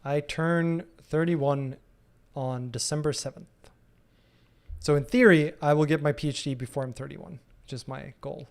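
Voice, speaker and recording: A man's voice: fairly high pitch, steady tone, normal speed, gravelly. A man in his thirties answering viewer questions casually in a live stream, thinking aloud with frequent ums and restarts. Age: 30s.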